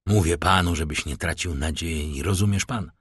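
A man voicing a brooding, commanding count, with slow, hushed and solemn speech. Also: low-pitched, breathy edge, no room sound, clean studio sound. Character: brooding powerful count, middle-aged man, grave and commanding.

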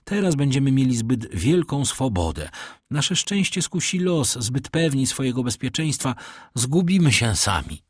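Male reader doing a gentle sorrowful young lady for a storybook, lifted a little, husky, dry sound. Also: medium pitch, very animated, a little slow, no echo, pitched above the performer's own voice. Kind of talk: audiobook reading.

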